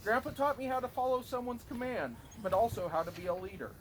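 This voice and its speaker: A man's voice: very high-pitched, lively intonation, fast. A man reading a prepared eulogy for his grandfather from notes, now and then stumbling on a word. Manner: reads from notes with occasional stumbles on words. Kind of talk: prepared eulogy read aloud. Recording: clearly noisy recording.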